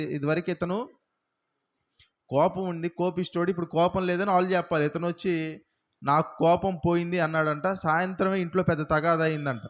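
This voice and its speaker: A man's voice: sits high, fairly bright tone. A male pastor preaching a sermon, firing rhetorical questions at the congregation and punctuating points with repeated hallelujahs.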